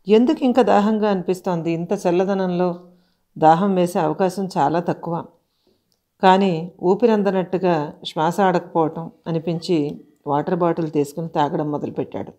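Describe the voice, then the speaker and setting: A woman narrating a horror audio story, in a calm, measured reading voice with short pauses. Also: lowish voice.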